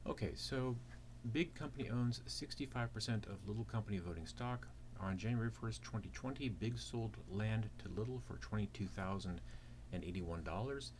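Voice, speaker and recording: At a normal speed and with a fairly low voice, a man explains a worked problem step by step like a teaching assistant, leaning on rhetorical questions. The recording carries clear background noise with keyboard typing.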